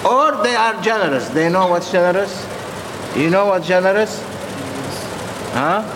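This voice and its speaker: A man who is a non-native English speaker preaching informally in short, halting, repeated phrases and putting questions to his listeners. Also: sits high, animated. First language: not English. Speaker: Sufi preacher addressing followers. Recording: echoey reverberant hall with clear background noise.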